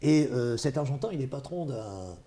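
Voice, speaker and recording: A man's voice: medium pitch, lively intonation, moderate pace, mellow. A man hosting a local TV talk show, introducing guests and steering the discussion. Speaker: TV host. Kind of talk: live studio talk show.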